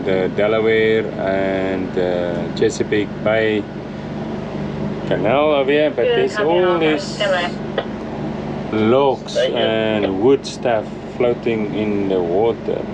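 Chatty man filming on a sailboat. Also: medium pitch. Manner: chatty, unhurried, chuckles often. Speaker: sailing vlogger. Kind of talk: casual vlog narration. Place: outdoors on a sailing catamaran. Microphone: action camera held at arm's length. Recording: loud wind and engine noise. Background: wind, water and boat engine.

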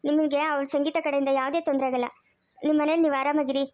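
A woman's voice: sits high, level tone, rapid-fire, a little mellow, lightly acted. A woman, playing a stern police officer who gives commands in an amateur family drama.

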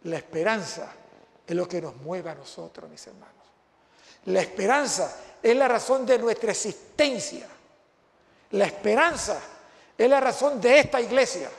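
A man's voice: high-pitched, expressive, normal speed, gravelly. A man preaching an impassioned sermon to graduates, repeating phrases for emphasis. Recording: long hall reverb.

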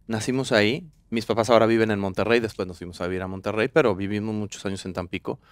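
A man's voice: fairly low pitch, steady tone, fast, clean tone, no room sound. A man, a guest actor telling stories in an easygoing way during a casual studio interview with a headset mic. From Tamaulipas, Mexico. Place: pink-decorated talk show studio set. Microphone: small headset mic.

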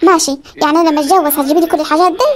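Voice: high-pitched, steady tone, very fast, natural voice. An actor voicing a cheeky, lazy young village daughter in a comedy cartoon, whining and talking back, with an Upper Egyptian accent. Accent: Upper Egyptian Arabic. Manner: whiny, talks back, stalls.

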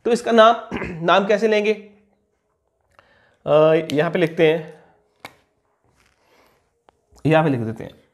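A young man giving a chemistry lesson, posing questions to the class and answering them himself, repeating key terms slowly. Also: fairly high pitch, expressive. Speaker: chemistry teacher. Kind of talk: classroom lecture explaining on a board.

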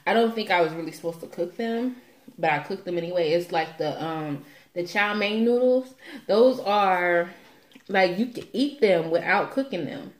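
A woman's voice: on the low side, moderate pace. A young woman chatting casually to camera as a vlogger, playful and rambling, with a folksy way of talking. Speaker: vlogger hosting an eat-with-me video. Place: small room indoors. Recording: roomy echo from phone recording.

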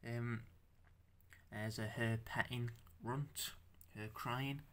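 A young man shows off his handmade stop-motion figures in a casual show-and-tell, halting, stammering and swearing now and then, clearly self-conscious about talking out loud. His voice sits at a medium pitch with a steady tone.

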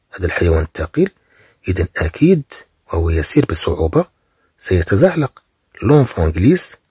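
A man from Morocco, teaching French, reading phrases very slowly and then explaining them quickly. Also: deep voice, darkish tone, husky, dry recording, studio quality.

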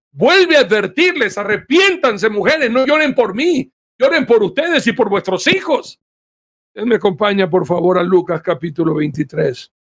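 A man preaching a fervent sermon, reading scripture aloud and swinging between loud cries and quiet asides. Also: high-pitched, gravelly.

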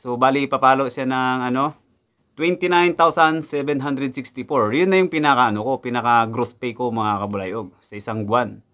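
A young man from the Philippines talks straight to a close camera in a casual vlog. He is chatty and explanatory, often calling out to his viewers and going back over the same numbers. His pitch sits at an ordinary middle level for a man. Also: normal speed, a bit bright. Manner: chatty, repeats figures and addresses viewers often. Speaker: vlogger, overseas factory worker. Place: indoors in front of a backdrop.

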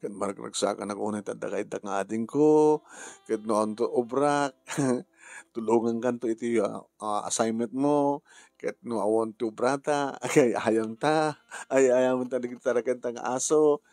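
A man's voice: medium pitch, measured pace, darkish tone, dry recording, natural voice. A man speaking heartfelt family drama dialogue.

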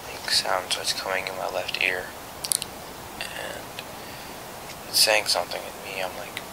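A young man telling a rambling story to camera late at night in a hushed, half-whispered voice, swearing casually. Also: deep voice, completely flat delivery, unhurried, gravelly, noisy background. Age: young adult. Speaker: vlogger. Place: small bedroom at night, indoors.

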